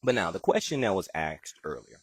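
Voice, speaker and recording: A gardening show host with a Southern accent answers viewer questions live from his backyard, easygoing and conversational. His husky voice sits low and moves briskly with a sing-song lilt. The recording is dry and studio quality.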